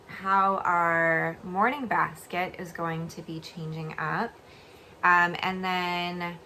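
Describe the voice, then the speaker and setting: A woman's voice: on the low side, gravelly, sharp tone, slight background noise. A young adult woman chatting casually in a giggly, rambling vlog style, her speech slightly slurred and funny from a swollen mouth after oral surgery. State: recovering from oral surgery, talking a bit funny. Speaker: homeschool vlogger. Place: bed at home.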